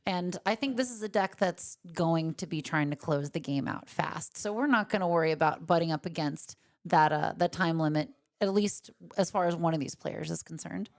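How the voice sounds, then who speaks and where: A woman's voice: fairly low pitch, normal speed, few pauses. A woman co-commentating a card game tournament in a casual, chatty way, with lots of fillers and jokes. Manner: chatty, filler-heavy, jokey. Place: empty gaming room at a cafe.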